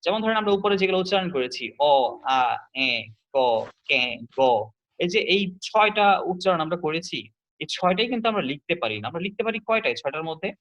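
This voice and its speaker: Man, teacher, online class, slightly high voice, dull lo-fi sound, step-by-step explaining. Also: animated, rapid-fire, fairly bright tone. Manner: explains step by step, repeats key points, asks students questions.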